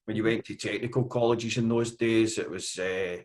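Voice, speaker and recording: Scottish man, fifties, lowish voice, casual interview guest, halting delivery. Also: fairly even intonation, darkish tone. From Scotland. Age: 50s. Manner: hesitant, with frequent fillers.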